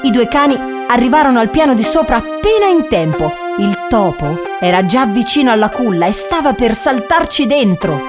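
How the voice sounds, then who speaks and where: A woman narrating a children's storybook in an expressive, animated way. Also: fairly high pitch, normal speed, few pauses. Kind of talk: storybook reading. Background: background music.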